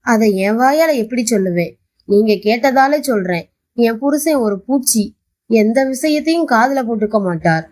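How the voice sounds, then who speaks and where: A woman's voice: on the high side, lively intonation, moderate pace, a little mellow, natural voice. A woman voicing a grieving, spiteful young second wife who shrilly accuses her rival in colloquial speech. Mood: accusing.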